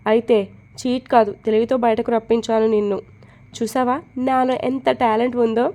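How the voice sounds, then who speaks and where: A woman's voice: a little high, flat delivery, brisk, warm tone, natural voice. A woman voicing a cocky, teasing young man in a storybook reading, with a bold, bragging manner. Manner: bold, mock-serious, bragging.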